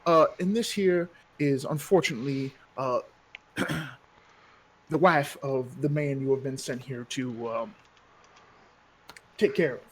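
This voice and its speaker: A man's voice: mid-range voice, a little slow, long pauses, a little hiss or hum, natural voice. Man doing a formal, pompous town mayor. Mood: courteous. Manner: formal, smooth-talking, hesitant. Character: pompous middle-aged male town mayor.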